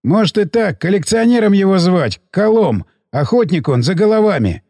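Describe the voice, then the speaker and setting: A man voicing a hoarse, cocky veteran male mercenary. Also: high voice, sing-song, moderate pace, warm tone, no echo, clean studio sound, full character voice.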